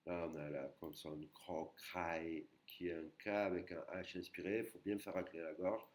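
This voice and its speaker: A man's voice: sits low, level tone, normal speed. A man teaching an online language lesson, patiently repeating and breaking words into syllables.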